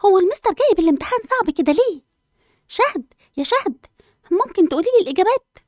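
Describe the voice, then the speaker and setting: A woman's voice: extremely high pitch, very animated, racing, no echo, studio quality. A woman voicing a whiny, lazy schoolgirl twin with an Egyptian accent. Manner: whiny, complaining.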